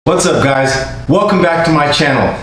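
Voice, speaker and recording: Recording in a very echoey room, a man runs his own YouTube channel and casually recaps fight clips with plenty of repetition. His voice sits on the high side, animated and a bit bright, at a moderate pace.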